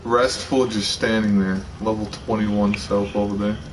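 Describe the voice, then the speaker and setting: A man's voice: fairly low pitch, unhurried. Joking young man gaming with a friend. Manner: joking, excitable, slangy. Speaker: gaming streamer. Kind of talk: casual gaming chat. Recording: distant voice with clear background noise.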